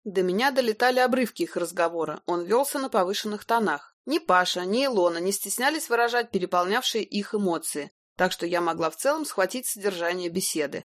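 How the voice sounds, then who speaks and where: A woman reading a first-person detective novel aloud in a brisk, wry, even narrating manner. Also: mid-range voice, dry recording, clean studio sound. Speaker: audiobook narrator.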